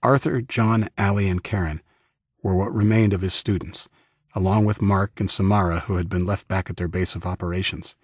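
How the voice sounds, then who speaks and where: A man narrating a first-person audiobook in a steady, measured way. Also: low-pitched, no echo, clean studio sound.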